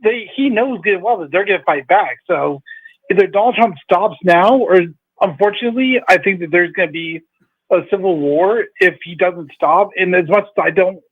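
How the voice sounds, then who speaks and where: Earnest male caller from abroad, hesitant, high voice over a dull phone line. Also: normal speed, husky. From outside the US. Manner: earnest, hesitant with many fillers.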